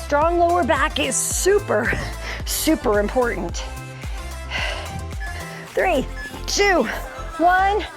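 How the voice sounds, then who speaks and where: High-pitched woman coaching a workout. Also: extremely slow, long pauses. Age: middle-aged. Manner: encouraging, motivational, calling out short cues; energetic, exercising while talking. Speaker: fitness instructor, host. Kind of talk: workout instruction, coaching through exercises. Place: inside a motorhome living area. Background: music.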